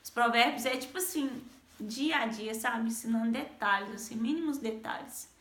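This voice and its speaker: A woman's voice: on the high side, moderate pace, a bit bright, echoey room. A woman with a Brazilian Portuguese accent sharing a devotional message and personal stories in a chatty way, talking straight to her viewers. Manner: chatty, keeps addressing viewers directly. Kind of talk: devotional vlog with personal storytelling.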